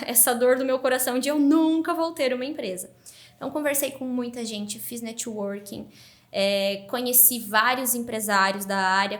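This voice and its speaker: A woman guest on a podcast, telling her story animatedly in a casual interview. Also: high voice. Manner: animated, excited narration.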